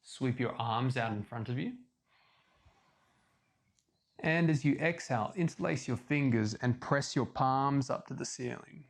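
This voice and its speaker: Calm male yoga teacher with creaky voice. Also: medium pitch. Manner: calm, measured step-by-step cueing. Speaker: yoga instructor. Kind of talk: guided yoga class instruction.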